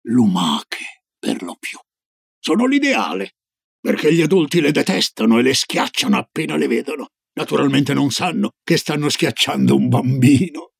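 Man voicing a cigar-smoking old grandmother, slow solemn storybook voice, gravelly, husky, dry. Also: very animated, no room sound, full character voice. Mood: ominous. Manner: slow, low, solemn warnings.

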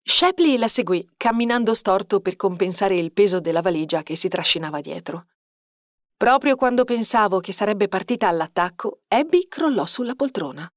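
Expressive woman reading an audiobook. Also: medium pitch, moderate pace, no echo, clean studio sound. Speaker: audiobook narrator. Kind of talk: scripted narration.

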